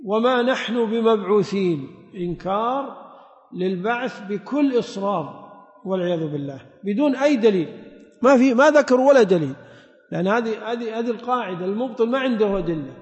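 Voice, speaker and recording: A man's voice: high-pitched, lively intonation, brisk. A man giving a Quran exegesis lesson, explaining step by step and quizzing his listeners with short questions. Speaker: religious teacher. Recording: echoey hall, dull lo-fi sound.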